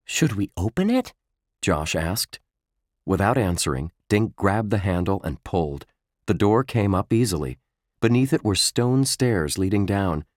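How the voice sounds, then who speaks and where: A man narrating a children's chapter book in a slow, expressive reading. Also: deep voice, no room sound, clean studio sound. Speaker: audiobook narrator. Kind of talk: storybook narration.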